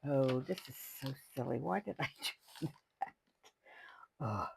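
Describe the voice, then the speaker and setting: A woman's voice: very deep voice, expressive, measured pace, a little hiss or hum, poor audio. An older woman hosting a craft video, chatting casually and rambling to herself as she works. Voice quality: gravelly, husky. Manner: chatty, rambling, talks to herself while working. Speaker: craft channel host.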